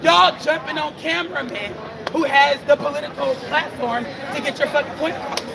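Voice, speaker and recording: A man's voice: very high voice, steady tone, a little fast, gravelly, distant mic. A man at a street protest, talking bluntly and with profanity about the protesters. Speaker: protest bystander. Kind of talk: street conversation. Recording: off-mic, loud crowd and noise.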